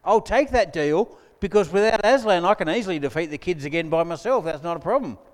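A man's voice: sits high, expressive, brisk, big-room sound. A man voicing a gloating, scheming female witch in a smug, dismissive tone.

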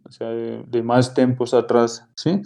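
A man with a very dark, mellow voice and little pitch movement speaks as a podcast guest. His Colombian Spanish accent is clear, and he often gropes for words, mixing in Spanish. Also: level tone. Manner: halting, searching for words, slipping into Spanish. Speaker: interview guest. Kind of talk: casual podcast interview.

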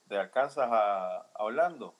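A man's voice: on the low side, expressive, a little slow, highs cut off. Earnest Puerto Rican man thinking aloud. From Puerto Rico. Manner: earnest, thinks aloud with frequent tag questions. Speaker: podcast guest. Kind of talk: casual opinion chat.

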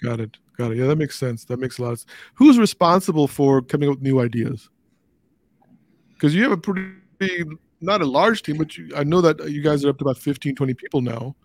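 A man's voice: a little high, expressive, a little fast, no room sound. A middle-aged man hosting a podcast, asking loose, friendly questions. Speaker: podcast host. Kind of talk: casual interview chat.

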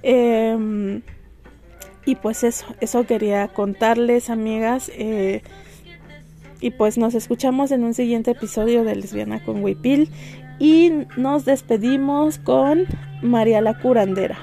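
Chatty woman with mellow voice. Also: fairly high pitch, fairly even intonation, measured pace, gravelly, soft background music. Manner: chatty, many fillers and restarts. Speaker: podcast host. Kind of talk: casual book recommendations.

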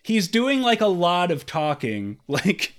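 A man's voice: sits high, very animated, slow pace. A man co-hosting a podcast, ranting profanely and scornfully about a movie in casual chat. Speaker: podcast co-host.

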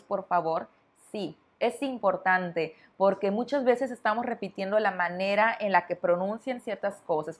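A woman gives a podcast lesson to Spanish learners. She explains in a friendly, conversational way, addressing the listener directly. She often asks rhetorical questions as she goes. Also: mid-range voice. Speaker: Spanish teacher.

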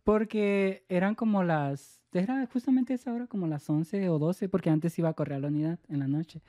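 A woman chats casually, chatty and a little argumentative as she tells her own story. Her voice sits on the low side, warm and mellow in tone. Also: brisk, no echo, studio quality. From northwest Mexico. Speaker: conversation partner. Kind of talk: casual chat.

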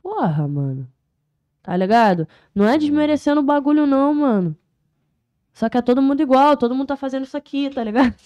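A woman's voice: high-pitched, lively intonation, fast talker, dark tone, lo-fi sound. A woman, a rapper guest talking in a casual podcast interview, full of street slang and emphatic, heartfelt points. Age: 20s.

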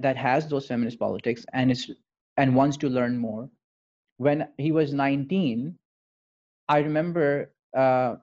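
A man with a Pakistani accent telling personal stories in a thoughtful, halting conversational way, switching between English and Urdu. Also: medium pitch, a little mellow, muffled recording. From Lahore, Pakistan. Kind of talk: reflective conversational storytelling.

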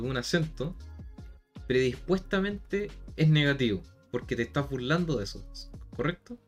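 A man's voice: mid-range voice, fairly bright tone. A man with a Chilean Spanish accent in a casual debate, who keeps stressing his point and repeating himself.

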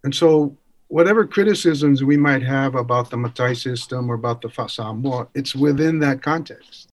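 A man's voice: mid-range voice, normal speed. A man speaking as an interview guest in a thoughtful, explanatory way, sometimes posing questions to himself.

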